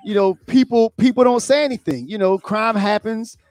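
A man co-hosting a casual talk show, speaking in halting bursts and often repeating and restarting his words. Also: high-pitched, a little mellow, no echo. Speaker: co-host.

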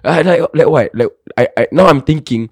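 A man's voice: on the high side, brisk, breathy edge, dry recording, studio quality. A young Singaporean man speaking colloquial Singlish with Malay slang, bantering casually and jokily as a podcast co-host. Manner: jokey, laughs often.

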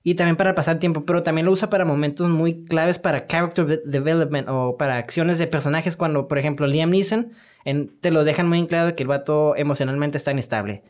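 A speaker with a Mexican accent in a casual film talk, animated and slangy, full of sound effects and filler tags. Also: mid-range voice, fast talker.

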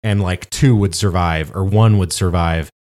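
Low-voiced man rambling casually. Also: moderate pace, darkish tone. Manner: rambling storytelling with many fillers. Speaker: podcast co-host. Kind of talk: casual chat.

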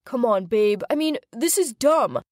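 A woman's voice: a little high, expressive, a little slow, no room sound, studio quality. A woman voicing a pushy teenage boyfriend who coaxes and pleads. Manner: pleading, coaxing.

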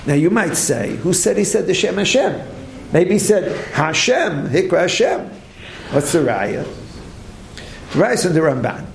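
A man, a rabbi, giving a late-night Talmud lecture, animated, firing rhetorical questions and restarting his sentences, with many Hebrew terms. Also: high-pitched, a little slow, vocal fry, reverberant, a little hiss or hum. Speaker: rabbi teaching a Torah class.

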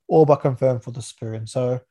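Male Australian podcast host, soft-edged warm timbre, matey everyday-bloke delivery, casual sports review. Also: medium pitch, moderate pace, husky.

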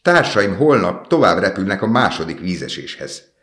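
A man's voice: sits low, sing-song, fairly bright tone, reverberant, voice pushed up, heavily acted. A man reading a storybook aloud and voicing a small, devoted male swallow, lifting his voice for the bird's eager, pleading lines.

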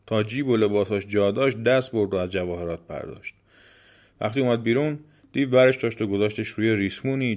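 A man narrating a folk tale as a storyteller, with gentle drama. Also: lowish voice.

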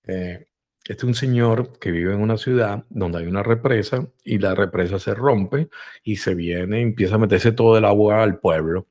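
A man's voice: lowish voice, normal speed, darkish tone. A man hosting a live call-in talk, telling a joke animatedly and acting out voices and engine sounds. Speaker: host. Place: live online broadcast.

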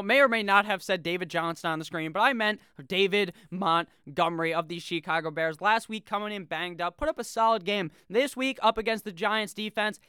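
A man's voice: high-pitched, bright, forceful tone, clear, resonant tone, no room sound, clean studio sound. A young man hosting a casual solo video, talking brashly with profane jokes and asides. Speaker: fantasy football video host.

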